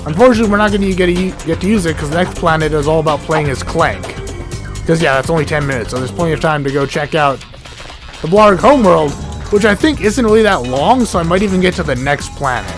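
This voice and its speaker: A man's voice: on the high side, animated, fast, music in the background. A young man giving chatty, rambling commentary while playing a video game, full of asides and self-deprecating remarks. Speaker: let's play gamer. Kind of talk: casual gameplay commentary.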